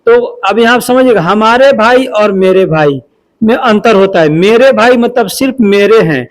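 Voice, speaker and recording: Male teacher, higher voice, patient and repetitive delivery, breaks each phrase down slowly. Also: expressive. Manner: patient, repeats phrases slowly and explains word by word. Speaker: Arabic teacher. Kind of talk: spoken language lesson.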